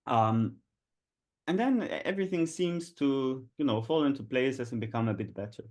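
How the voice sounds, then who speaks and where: A man in his thirties from Austria, telling a personal story slowly and haltingly, with many pauses and restarts, over an online call. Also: mid-range voice, animated, a little mellow. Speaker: photographer, guest. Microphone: online video call.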